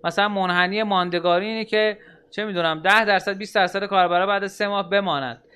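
Upbeat bright-voiced male podcast host. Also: high voice, steady tone, smooth. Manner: upbeat, addresses listeners directly. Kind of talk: casual podcast chat.

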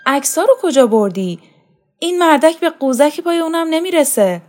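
A woman's voice: on the high side, lively intonation, a little mellow, voice pushed up, natural voice. A woman reading a story, voicing a lovesick young man who pleads in an impassioned, raised voice. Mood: disbelieving. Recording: faint music underneath.

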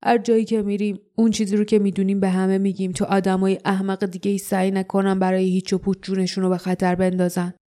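A bitter, gloomy man played by a woman speaks in a heavy, grim tone. The voice has a distinct timbre from the narrator and a mellow darkness. It is a character from a storybook reading. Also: mid-range voice, flat delivery, close to an everyday voice. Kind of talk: audiobook character voice.

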